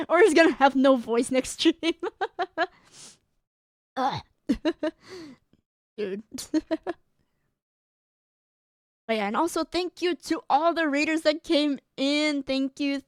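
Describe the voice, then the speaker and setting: A woman's voice: a little high, clear, resonant tone, dry recording, studio quality. Giggly woman streamer with a tired voice. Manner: giggly and rambling, with frequent laughs and fillers. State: strained, tired voice. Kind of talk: casual stream sign-off chat.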